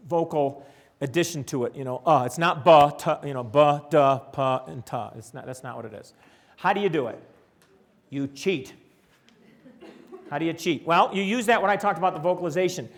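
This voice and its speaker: Animated older man lecturing. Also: high voice. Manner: animated, demonstrates speech sounds aloud. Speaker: presenter. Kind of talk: conference lecture. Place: lecture hall.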